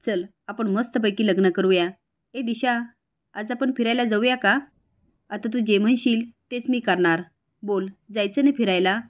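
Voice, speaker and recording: A woman's voice: medium pitch, normal speed, lightly acted. A woman voicing a bitter, angry young man who lashes out at his family with sarcastic retorts, in a retold TV serial.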